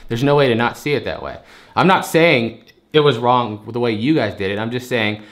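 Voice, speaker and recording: This man's voice is mid-range and fairly bright, with brisk pacing and lively intonation. He's a storage unit buyer in a heated phone argument, frustrated and rambling, repeating himself while he presses his case.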